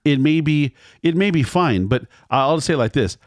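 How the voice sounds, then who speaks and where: A man's voice: on the high side, lively intonation, moderate pace, no echo, clean studio sound. A man recounting a restaurant visit in a casual, rambling way. He repeats himself and acts out what the staff said. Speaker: restaurant reviewer.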